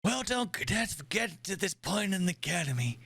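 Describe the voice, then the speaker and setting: Man doing a gruff old admiral, Admiral McCoy. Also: high voice, very animated, a little fast, a bit bright, no echo, pitched above the performer's own voice, heavily acted. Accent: American put-on. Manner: gruff, cursing, cantankerous. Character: grumpy old male starship admiral, doctor.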